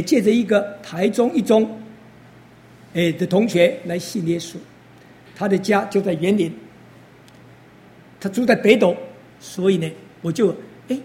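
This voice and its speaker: An older preacher tells stories from the pulpit in a mellow, dark-toned voice. The talk is full of interjections and acted-out quotes, in the style of a testimony sermon. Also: medium pitch.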